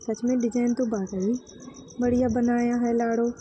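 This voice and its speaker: An easygoing father, put on by a woman narrator teases his wife playfully. The voice stays high and mellow, with no attempt at a deep tone. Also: level tone, normal speed, lo-fi sound, a little hiss or hum, lightly acted. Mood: teasing. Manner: teasing, playful. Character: joking middle-aged father, teasing and easygoing.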